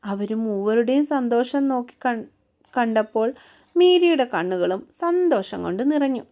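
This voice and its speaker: A woman narrating a romantic story in a calm, unhurried way. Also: on the high side. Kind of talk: scripted narration.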